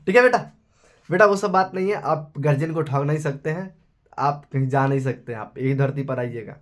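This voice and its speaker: High-voiced Bihari maths teacher. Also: male voice, brisk. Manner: chatty, scolding, calls students beta. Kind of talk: casual Hindi live class.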